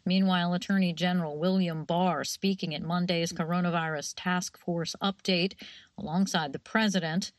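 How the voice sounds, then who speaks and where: A woman anchoring a radio news bulletin, reading in a steady, measured way and questioning correspondents. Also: fairly low pitch, dry recording. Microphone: studio mic.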